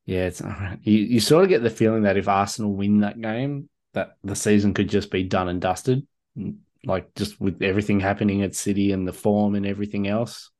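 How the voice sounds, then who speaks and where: A man hosts a laid-back sports podcast with a fairly low voice. He talks in an easygoing, chatty way, laughing often and filling gaps with ums. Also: a little fast, darkish tone. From Australia. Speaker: podcast host. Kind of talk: casual chat.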